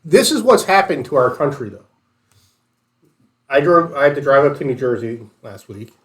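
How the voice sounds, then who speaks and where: A man chatting casually and telling stories as a panelist in a relaxed group discussion. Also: mid-range voice, moderate pace. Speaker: podcast panelist on policing. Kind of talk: casual conversational storytelling. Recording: roomy, echoey room.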